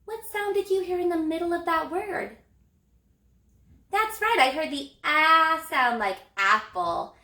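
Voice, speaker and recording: A high, bright woman's voice teaching phonics to young children. She speaks slowly and stretches out each sound with exaggerated care. The room around her is echoey. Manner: slow, exaggerated sound modeling with gestures. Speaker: elementary reading teacher.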